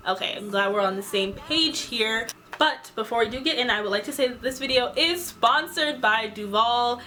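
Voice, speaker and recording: A young woman vlogs about skincare in a quick, chatty way, full of casual fillers. Her voice sits at an ordinary middle pitch. Soft music plays faintly behind her. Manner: talks fast and chatty, with many fillers. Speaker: beauty vlogger. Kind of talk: casual skincare vlog talk.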